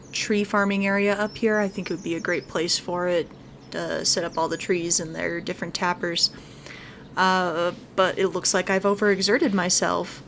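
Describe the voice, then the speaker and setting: This woman's voice sits at a medium pitch and sounds a bit bright, with a faint hiss or hum on the recording. She hosts a gaming video, chatting casually, musing aloud, and reading game lines as music plays behind her.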